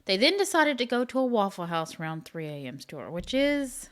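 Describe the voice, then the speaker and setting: A woman's voice: medium pitch, big pitch swings, moderate pace, fairly bright tone. Chatty woman from Oklahoma, rambling. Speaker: podcast co-host. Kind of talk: casual true-crime chat.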